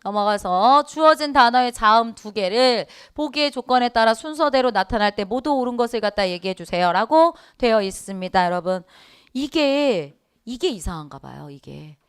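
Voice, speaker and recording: A middle-aged woman teaching an online exam-prep lecture in a smooth, resonant voice. She keeps her students engaged by asking them questions and then answering them herself, and she acts out the quoted dialogue. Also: fairly high pitch, moderate pace. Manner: lively, asks the class and answers herself. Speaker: Korean language exam instructor.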